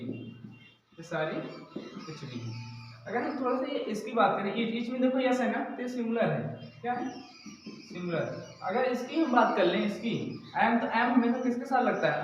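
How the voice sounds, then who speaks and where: A man's voice: high voice, slight background noise. A man teaching an English grammar lesson in a classroom, explaining step by step and answering his own questions. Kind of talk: classroom lecture. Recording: echoey dull room sound from a distance.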